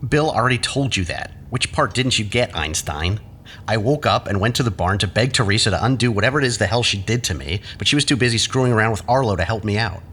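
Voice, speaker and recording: In this audio drama, a man with a lowish, slightly bright voice and lively intonation speaks quickly as a worn-out, agitated character going through withdrawal. Stammering and sighing, he pleads with bitterness and self-pity. Faint noise sits in the background.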